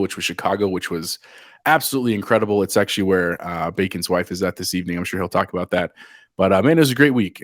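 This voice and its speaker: Fast-talking man co-hosting a podcast. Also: low voice, no echo, studio quality. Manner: friendly, filler-heavy chat. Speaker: podcast co-host. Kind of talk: casual gaming podcast chat.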